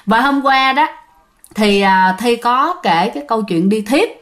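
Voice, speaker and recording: Lady telling ghost stories, kinda high voice, super chatty, talks right to her listeners. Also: measured pace, a bit bright. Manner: chatty, addresses listeners directly, with fillers. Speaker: ghost story narrator. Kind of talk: casual spoken storytelling.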